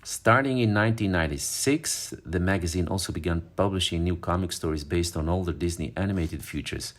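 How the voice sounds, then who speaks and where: Speaking in a deep voice that runs a little fast, this Moroccan man leafs through an old magazine with obvious affection. The vlog is a relaxed show-and-tell, full of rambling, fillers and false starts.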